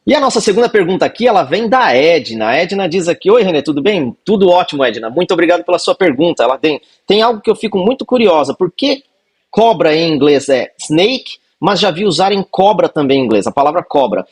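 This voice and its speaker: A man from Brazil hosting a casual video lesson, teaching English and repeating words slowly to model their pronunciation. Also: fairly high pitch, big pitch swings, slightly rough. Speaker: English teacher, channel host.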